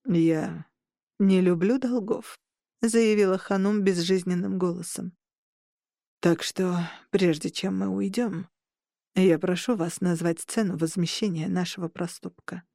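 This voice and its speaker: A woman's voice: on the low side, fairly even intonation, normal speed, vocal fry, mellow, slightly rough, no echo. A woman reading the lines of a proud alien woman leader in a formal, lifeless tone, in a dry studio. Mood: grave.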